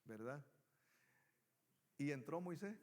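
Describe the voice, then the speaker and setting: A man's voice: on the high side, expressive, slow pace. A man teaching a Bible study class, reading scripture aloud and putting questions to his students.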